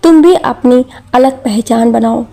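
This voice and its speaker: A woman's voice: a little high, unhurried, warm tone. A woman telling a family drama story in scripted narration, reading every character's lines in her own voice.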